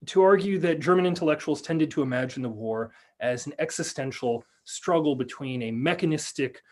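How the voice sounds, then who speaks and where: A man lecturing on a video call, reading a prepared paper in a measured way and then answering questions with many fillers and restarts. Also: medium pitch, a little mellow. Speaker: lecturer and researcher.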